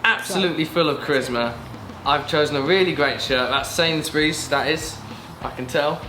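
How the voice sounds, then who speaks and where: A man's voice: fairly high pitch, moderate pace, bright, forceful tone. A man joining a casual reaction chat as a guest, teasing with dry humour. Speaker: guest friend. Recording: echoey room with faint noise.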